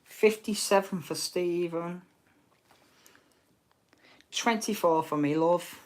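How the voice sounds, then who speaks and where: A woman's voice: lowish voice, slow, a little mellow. A British woman hosting an online game in casual chat, with cheeky, informal banter as she calls out players and numbers. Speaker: host of an online bingo game.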